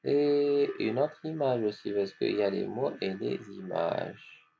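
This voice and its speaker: A man with a gravelly, fairly low voice teaches children phonics, slowly sounding out letters one by one. The recording is dull and lo-fi, with a faint hum behind him. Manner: slow, spelling out letters and sounds.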